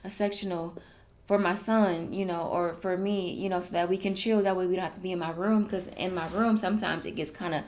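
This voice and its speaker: A woman's voice: on the low side, fairly even intonation, brisk, a little mellow. Young pregnant woman, personal vlog, heartfelt and emotional delivery. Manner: heartfelt, repeats "you guys" and "literally". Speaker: vlogger.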